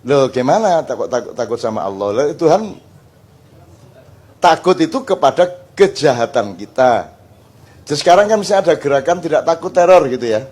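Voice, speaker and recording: An older man preaching to a gathering, animated and joking, acting out little dialogues. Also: a little high, a little fast, husky. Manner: animated, joking, mixes in Javanese phrases, acts out dialogues. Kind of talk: lively Islamic study talk before a crowd.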